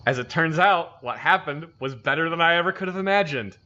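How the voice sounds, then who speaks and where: A man casually telling an animated, profane story about his army days, acting out the people he quotes. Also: fairly high pitch, fairly quick, muffled recording. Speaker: army veteran telling stories.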